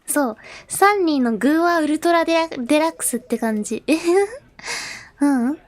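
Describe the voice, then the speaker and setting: Her voice sits high and is expressive, at a normal speed. Streaming as a VTuber, this woman chats away with lots of fillers, muttering to herself during setup before translating the game narration out loud.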